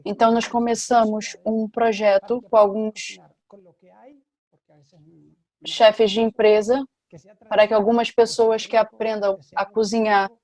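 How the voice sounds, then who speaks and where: A woman giving a simultaneous interpretation at a panel, with a steady, measured delivery. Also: on the high side.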